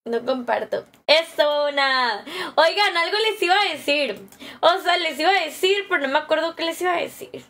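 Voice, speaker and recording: High-voiced Mexican woman chatting on stream. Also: expressive, normal speed, bright, forceful tone. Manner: chatty, greets viewers by name, laughs easily. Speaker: live streamer. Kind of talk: casual live-stream chat. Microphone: phone camera held close.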